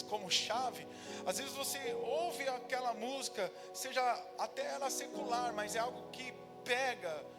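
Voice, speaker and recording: A man from Brazil preaching a sermon as pastor, praying fervently and building to loud, intense declarations. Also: very high-pitched. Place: church sanctuary. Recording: music and long hall reverb.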